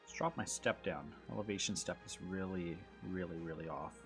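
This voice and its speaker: A man's voice: sits low, moderate pace, fairly bright tone, soft background music. A man streaming a game over a headset mic, thinking aloud as he fixes things and greeting his chat. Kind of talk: casual gameplay livestream chat.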